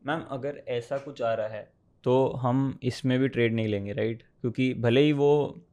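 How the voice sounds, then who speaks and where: A man's voice: mid-range voice, steady tone, measured pace, warm tone. A man in a student role, politely asking his mentor questions and giving short, deferential replies. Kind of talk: conversational Q&A.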